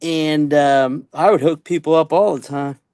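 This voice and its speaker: A man with a fairly high voice chats casually and easily, often trailing off and picking the thought up again. The sound is dry and close. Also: steady tone, a little slow, a little mellow, clear, resonant tone, dry recording. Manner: easygoing, trailing off mid-thought. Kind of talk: casual chat.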